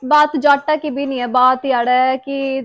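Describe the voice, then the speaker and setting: A woman's voice: high-pitched, little pitch movement, measured pace, dry recording, muffled recording, soft background music. A young woman from Haryana talking casually as a vlogger, chatty and self-mocking, with a Haryanvi-tinged Hindi accent and bits of English mixed in. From Haryana, India. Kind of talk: casual chat. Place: home kitchen and city streets.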